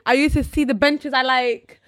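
A young woman, chatting excitably on a podcast and jumping in with comments. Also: high voice, moderate pace, no room sound. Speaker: podcast co-host. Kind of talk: casual chat with friends.

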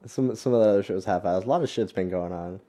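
An American man with a fairly low, dark and relaxed voice chats as a podcast host. He talks like a frat bro, loose and slangy, and swears freely. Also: fast talker. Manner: frat-bro talk, slangy and heavily profane. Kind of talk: casual chat.

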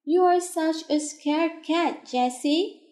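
A woman's voice: extremely high pitch, slow pace, a little mellow, pitched above the performer's own voice. A woman voicing a young male bear cub in a storybook, in a roomy, echoey recording. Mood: teasing. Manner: mocking, later crying for help.

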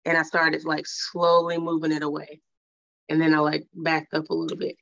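Low-pitched woman on a video call, muffled, rambly and full of um's. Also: completely flat delivery, normal speed, creaky, a bit bright, no echo. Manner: rambling, many fillers and restarts. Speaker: guest, mother. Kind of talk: casual video call chat.

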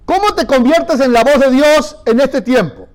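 A male pastor delivers a sermon in a strikingly high voice. He tells stories and speaks directly to his church, leading them in call-and-response. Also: normal speed. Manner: leads the congregation in call-and-response; storytelling, addressing the church directly.

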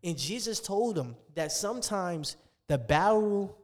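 A man with a fairly high voice speaks in long, hall-like reverb. He talks like a preacher among friends on a faith podcast, exhorting emphatically and repeating key phrases. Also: expressive, unhurried, darkish tone. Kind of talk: animated faith discussion, preaching.

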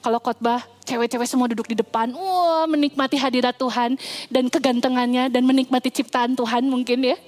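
A young adult woman pastor delivers a sermon in a lively, playful storytelling manner. Her voice sits high for a woman, and her delivery stays animated throughout. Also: a little fast.

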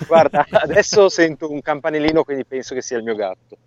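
A man's voice: a little high, expressive, fairly quick, muffled recording. A man on a podcast panel in casual chat, opinionated and jokey, joining remotely from outdoors. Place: outdoors in woods at night, walking.

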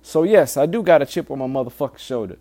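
A man with a slightly high yet dark-toned voice talks fast and animatedly in a candid solo podcast. He's informal and swears often, earnestly pleading with his audience in urgent warnings.

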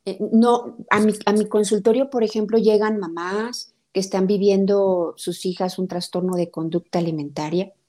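Woman in her forties, a therapist guest. Warm, mellow tone. Earnest and halting. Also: mid-range voice, steady tone. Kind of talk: reflective personal testimony.

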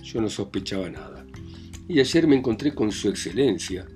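Male reader as a fretful jealous old gentleman in a story, pleading, low voice. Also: animated, moderate pace, faint music behind, close to an everyday voice. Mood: agitated. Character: anxious jealous older gentleman, fussy.

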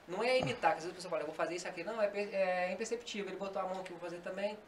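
A man who works as a hypnotist, giving slow, soothing commands in a demonstration and then explaining his technique in casual podcast chat. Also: high-pitched, noisy background. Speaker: hypnotist guest.

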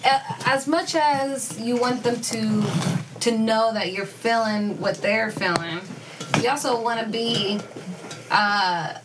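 Brief: female host, playful probing questions, slightly high voice, loud background noise. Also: slow pace. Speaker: interview host. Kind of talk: casual interview chat.

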